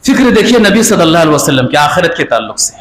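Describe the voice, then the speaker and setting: A man preaching a Friday sermon, swinging between impassioned shouting and low quiet passages a repetitive rhetorical cadence. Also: very animated, rapid-fire, reverberant, slight background noise, low-quality recording. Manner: rising to impassioned shouts, then dropping low.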